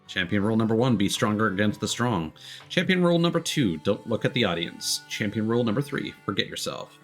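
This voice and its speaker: Game music plays beneath a male streamer who reads a game's text and dialogue aloud, delivering the lines flatly and chatting casually between them. His voice is on the low side and fairly quick, his manner relaxed.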